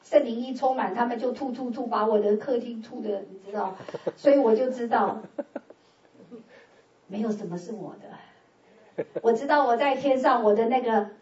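Brief: woman church speaker, animated testimony, slightly high voice, dull distant church recording. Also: moderate pace, echoey room, a little hiss or hum. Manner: animated, swings from loud exclamations to hushed prayer, laughs often. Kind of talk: sermon testimony.

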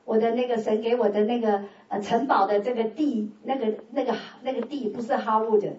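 Brief: woman church speaker, animated testimony, slightly high voice, dull distant church recording. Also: brisk, roomy sound, slight background noise. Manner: animated, swings from loud exclamations to hushed prayer, laughs often. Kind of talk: sermon testimony.

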